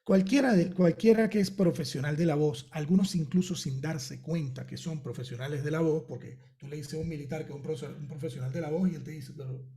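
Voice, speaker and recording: A man with a Venezuelan accent, a voice acting teacher who gives long, lively conversational answers with thinking fillers. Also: fairly high pitch, fairly quick, hardly any pauses. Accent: Venezuelan Spanish.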